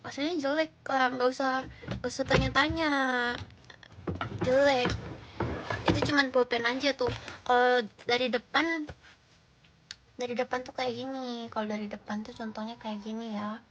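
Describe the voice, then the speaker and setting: A woman chats casually with her livestream viewers. Her voice is on the high side, and she talks in slangy, blunt banter. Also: steady tone, normal speed, pauses often, noisy background.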